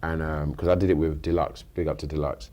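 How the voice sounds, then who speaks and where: UK rapper guest, deep voice, rambling and reflective, relaxed studio chat. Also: male voice, fast. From United Kingdom. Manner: thoughtful, rambling with restarts. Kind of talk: casual interview chat. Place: radio studio.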